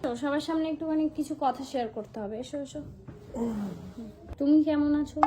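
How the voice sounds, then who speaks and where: A woman's voice: sits high, fairly quick, distant mic, crowd noise. A woman, chatting and teasing as she hosts a casual vlog, explaining things at length. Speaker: vlogger. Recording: echoey room with faint noise.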